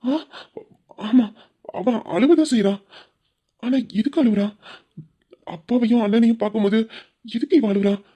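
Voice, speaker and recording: Husky-voiced woman doing a worried monologue. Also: on the high side, normal speed, pauses often, dark tone. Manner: anxious, questioning inner monologue. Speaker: storyteller voicing the characters. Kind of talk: amateur audio drama.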